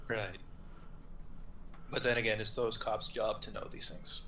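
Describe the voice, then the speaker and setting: Brief: player, man, bright and forward voice, hesitant, faint hiss behind. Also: lowish voice, little pitch movement, measured pace, muffled recording. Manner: hesitant, with fillers and restarts. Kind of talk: in-character tabletop play.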